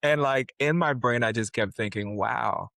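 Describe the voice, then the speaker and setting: A man's voice: mid-range voice, moderate pace, creaky, sharp tone, no room sound. A man co-hosting a podcast, reacting with playful teasing and jokes, then introducing a segment. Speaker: podcast co-host. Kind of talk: casual podcast chat.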